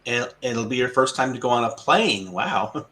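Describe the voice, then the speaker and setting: An American man tutors English through casual conversation practice, patiently repeating his student's answers and chuckling often. His medium-pitched voice has lively intonation and a sharp tone, and he speaks a little slowly.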